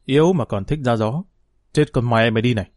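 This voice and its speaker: A brutal young fighter, as a man puts him on in a storybook, harsh and contemptuous. He spits his lines out fast. The sound is close and dry. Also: medium pitch, darkish tone, no room sound, natural voice. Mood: scornful. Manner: harsh, scornful. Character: tough young male fighter, contemptuous and cruel.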